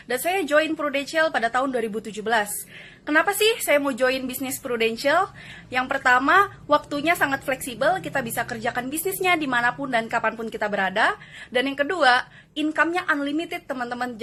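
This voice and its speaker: A woman's voice: high voice, bright, forceful tone. A woman in her twenties giving a neat, rehearsed recruiting testimonial as an agency director. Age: 20s.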